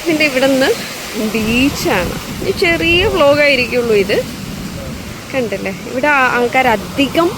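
Female vlogger, higher-pitched, casual, code-mixes English; clearly noisy outdoor recording. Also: unhurried. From Lakshadweep, India. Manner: mixes English words into Malayalam. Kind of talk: casual chatty vlog. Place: outdoors at a park by a beach.

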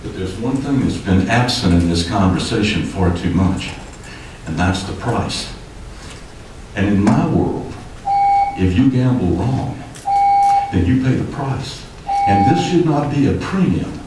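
Unhurried yet animated, an older man gives public comment as a developer in a voice on the low side, gesturing emphatically with rising heat. He speaks into a podium microphone in an indoor city commission chamber, picked up distantly in the echoey hall over heavy background noise.

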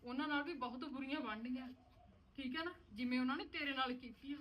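A woman's voice: sits high, fast talker, fairly bright tone, low-quality recording. A woman playing a caring sister-in-law who comforts and reassures, in an amateur village drama. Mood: comforting. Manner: soothing, reassuring.

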